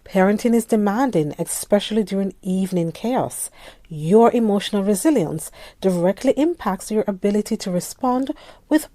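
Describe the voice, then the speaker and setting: A woman reading scripted parenting tips in a calm, measured, gentle way. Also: medium pitch, dry recording. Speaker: parenting educator. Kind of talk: scripted advice narration.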